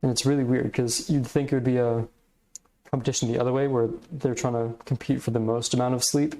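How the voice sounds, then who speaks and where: A man's voice: mid-range voice, little pitch movement, a little fast, dark tone. A man hosting a podcast, giving casual, reflective commentary in hesitant, meandering phrasing. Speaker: podcast host.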